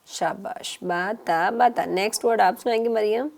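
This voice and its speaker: A woman teaching children on a TV lesson, patient and coaxing, repeating syllables slowly. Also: medium pitch, gravelly, a little mellow, slight background noise. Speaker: Quran teacher.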